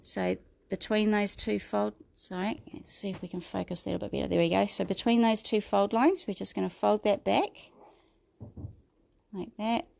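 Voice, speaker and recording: A middle-aged woman with a New Zealand accent runs a livestream craft tutorial, greeting viewers by name as she chats. She sounds croaky this morning and keeps clearing her throat, with a mid-range, darkish voice, fairly even intonation and normal speed.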